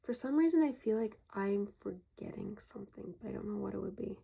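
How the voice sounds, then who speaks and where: A woman's voice: mid-range voice, lively intonation, fairly quick, creaky, dark tone, breathy edge. A woman vlogging from her home in a casual, rambling chat full of fillers, a bit out of breath. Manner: chatty and rambling, with many fillers. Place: home, indoors.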